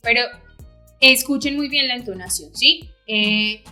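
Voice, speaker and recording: A woman with a bright, fairly high voice co-hosts a Spanish lesson. She explains patiently and keeps checking in with her listeners. Faint music plays underneath. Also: unhurried. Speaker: Spanish teacher.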